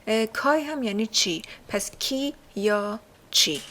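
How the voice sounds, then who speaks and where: A woman's voice: fairly high pitch, expressive, fairly bright tone. Woman teaching patiently, faint hiss. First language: Persian. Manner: explains patiently, with many fillers and checking "right?" questions. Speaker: language teacher. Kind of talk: casual spoken lesson.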